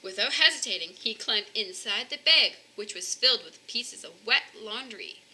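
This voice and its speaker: A woman's voice: on the high side, lively intonation, normal speed, bright, forceful tone. A woman reading a children's book aloud expressively as a storyteller.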